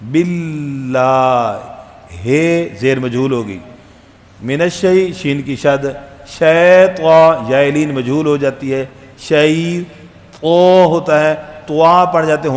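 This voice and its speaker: A man teaching a Quran recitation lesson, quizzing the students and calling out letter sounds loud and long. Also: fairly high pitch. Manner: drills letters aloud, loud and drawn out; asks students questions, jokes. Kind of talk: classroom tajweed lesson.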